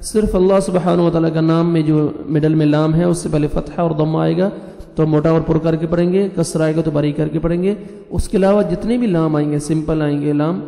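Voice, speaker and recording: A Quran teacher, a man whose first language is Urdu, spells out letters and vowel marks syllable by syllable, chants the verses, and briskly explains the pronunciation rules in between. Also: a little high, fairly even intonation, vocal fry, mellow. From South Asia. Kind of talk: slow syllable-by-syllable recitation lesson with explanations. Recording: echoey room with faint music.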